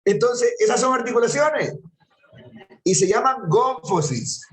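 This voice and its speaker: A man's voice: very high-pitched, expressive, measured pace, roomy sound, low-quality recording. A man teaching an anatomy class, patiently repeating terms and quizzing his students. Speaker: anatomy lecturer. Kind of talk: classroom lecture.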